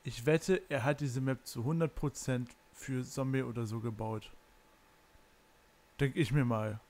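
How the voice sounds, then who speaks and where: A man's voice: medium pitch, steady tone, measured pace, a little mellow. A man giving casual gameplay commentary as a Let's Play host, muttering, cursing and stumbling as he reads in-game signs.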